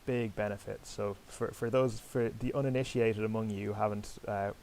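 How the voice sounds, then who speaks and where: A man's voice: lowish voice, steady tone, normal speed, a little mellow, slight background noise, low-quality recording. A man hosting and commentating online sailing races, chatty and self-deprecating, talking directly to his viewers. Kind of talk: live commentary over a sailing game.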